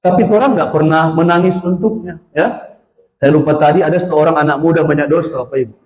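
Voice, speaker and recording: A man preaching a mosque sermon, telling stories straight to his listeners and drawing out chanted prayer phrases slowly. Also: on the high side, a little mellow. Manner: storytelling, addresses listeners directly, draws out chanted phrases slowly. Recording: echoey mosque hall.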